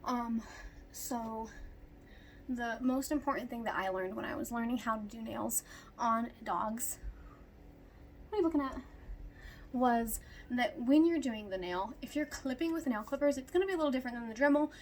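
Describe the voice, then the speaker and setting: Casual home tutorial host: young woman, breathless, filler-heavy, a touch high-pitched, light background hiss. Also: brisk. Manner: chatty, lots of ums, talks to her dogs. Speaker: dog groomer demonstrating nail care. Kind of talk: casual how-to explanation. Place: at home with dogs.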